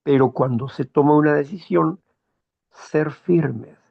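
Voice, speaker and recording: A man hosting a morning talk program, speaking in a slow, measured, moralizing monologue with personal anecdotes. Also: fairly high pitch, gravelly, dull audio. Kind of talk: reflective monologue.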